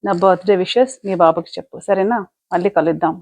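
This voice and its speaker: A woman's voice: mid-range voice, quick pace, darkish tone, no echo, lightly acted. A woman playing a stubborn young mother who defends holding a grudge against her friend. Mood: apologetic. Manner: defensive, justifying herself. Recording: dull lo-fi, dry.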